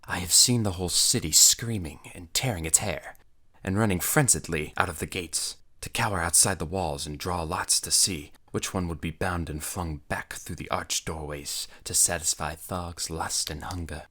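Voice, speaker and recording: A cool, worldly young noblewoman, read by a man, calm and knowing as she tells of terrible things. The voice stays low and unhurried, in audiobook narration. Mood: ominous. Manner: calm, matter-of-fact storytelling of dread. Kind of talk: audiobook character voice.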